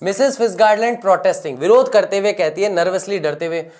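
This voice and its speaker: A woman's voice: mid-range voice, a little mellow. A woman, teaching English by reading a play's stage directions aloud and explaining each line in Hindi. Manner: reads English lines slowly, then paraphrases them in Hindi.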